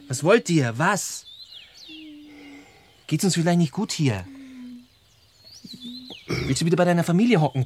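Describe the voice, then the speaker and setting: A man's voice: a little high, a little hiss or hum. An actor playing a bossy, coaxing male ringleader of asylum inmates in a radio drama, talking in a cajoling, theatrical way. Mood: pleading, theatrical.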